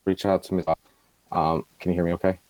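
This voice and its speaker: A man giving a halting report with restarts on a video call from home, his audio breaking up and dropping out. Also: deep voice, level tone, darkish tone, no room sound. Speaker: school district administrator. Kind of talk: remote meeting report.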